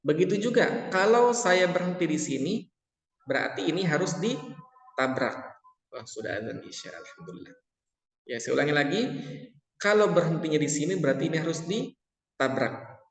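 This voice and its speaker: A man teaching tajwid in a patient lesson, repeating each point and chanting the verses slowly. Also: fairly high pitch, animated. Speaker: Quran recitation teacher. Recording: echoey room with long reverb.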